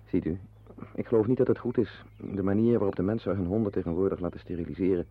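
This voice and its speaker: Speaking quickly in a low voice with a breathy edge and fairly even intonation, a man plays a henpecked husband in an old Dutch radio play. The character, a wry, brooding former artist who loves animals, shares rueful musings with the listener, and the recording is muffled and band-limited.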